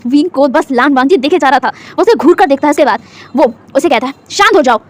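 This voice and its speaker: A woman's voice: high-pitched, fast. A woman casually retelling her own fan fiction story, chatty and full of little asides.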